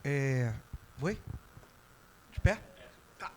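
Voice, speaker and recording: A man's voice: mid-range voice, lively intonation, drawn-out words, background noise. A Brazilian man with a Brazilian Portuguese accent commenting from the audience, hesitant at first and reading from notes. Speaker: audience member asking a question.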